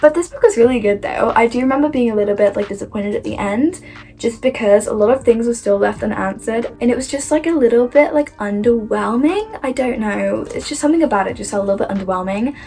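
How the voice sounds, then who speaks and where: A young woman chatting casually about her year of reading, gushing and animated, with lots of "like" and sudden excited jumps in her voice. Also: on the high side, fast talker. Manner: gushing, animated, heavy use of "like". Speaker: book reviewer. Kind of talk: casual reading wrap-up chat.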